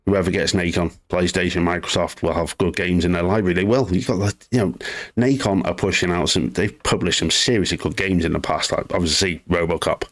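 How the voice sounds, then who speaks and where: Deep-voiced guy doing a casual gaming news stream, rambly, chatting back to chat. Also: steady tone, fairly quick. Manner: chatty, reads chat aloud, rambling asides. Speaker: gaming news livestream host. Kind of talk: casual live-stream commentary.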